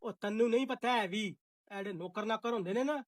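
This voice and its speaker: A man's voice: high-pitched, fast, heavy background noise, natural voice. A man playing a scolding arrogant landlord. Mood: dismissive. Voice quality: shouting, scolding. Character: arrogant village landlord man, harsh to servants.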